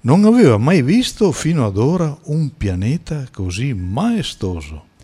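A man narrating a storybook in a measured, storytelling manner. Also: medium pitch, very animated, warm tone, breathy edge. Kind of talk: scripted audiobook narration.

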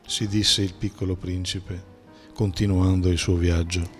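A man narrating a storybook in a measured, storytelling manner. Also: low-pitched, level tone, soft background music. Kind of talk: scripted audiobook narration.

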